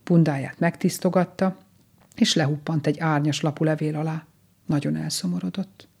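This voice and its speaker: A woman calmly reading a children's storybook aloud in a gentle, measured way. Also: low-pitched, vocal fry, slightly rough.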